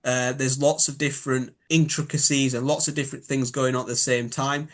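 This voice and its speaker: A man's voice: medium pitch, flat delivery, brisk, a bit bright. Man with a Yorkshire accent explaining. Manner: thoughtful, rephrases often. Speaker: biomechanics expert guest. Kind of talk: explanatory interview talk.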